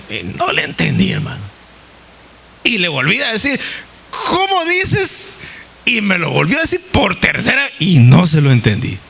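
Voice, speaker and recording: A male pastor giving a casual, folksy Bible-study sermon. He keeps turning to his listeners as "brother" and stumbles through restarts and fillers. His pitch jumps up high and drops back low as he tells his story. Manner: lively pitch swings, rising high in places.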